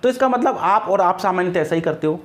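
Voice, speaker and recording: A man from India teaches English grammar in an online lesson. His voice sits somewhat high. He is patient and repetitive, often spelling words out letter by letter. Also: animated, fast talker.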